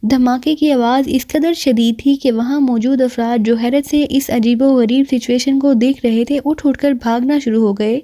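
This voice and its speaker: A woman narrating a crime thriller novel aloud with steady, dramatic storytelling. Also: sits high, few pauses. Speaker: audiobook narrator. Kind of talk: novel reading.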